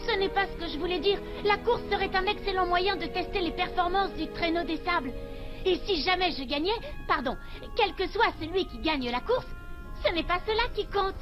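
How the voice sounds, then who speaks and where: A woman's voice: very high-pitched, moderate pace, dull audio, music in the background. A woman voicing an eager, earnest young boy in a French cartoon dub.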